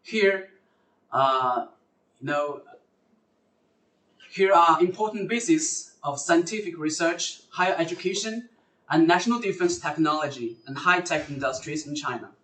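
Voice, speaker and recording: A man's voice: on the high side, unhurried, fairly bright tone. A man hosting a live university recruitment lecture, speaking hesitantly with fillers and self-corrections. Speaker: host. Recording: roomy sound from far off the mic.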